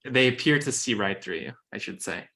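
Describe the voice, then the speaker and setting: A man narrating a tabletop role-playing game as game master, with halting, conversational descriptions. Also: medium pitch, animated, gravelly, bright, forceful tone.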